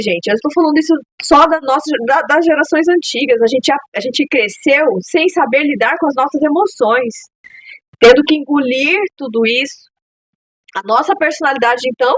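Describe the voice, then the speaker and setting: A woman with a high, husky voice hosts a parenting podcast, delivering an earnest advice monologue to parents. She speaks in a heartfelt way and repeats phrases for emphasis. There is no echo, but the recording quality is low.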